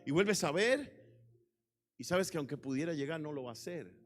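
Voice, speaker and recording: A male pastor preaching a sermon with passion, swinging into sudden loud emphatic bursts. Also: fairly high pitch, animated, normal speed, faint music behind. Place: church.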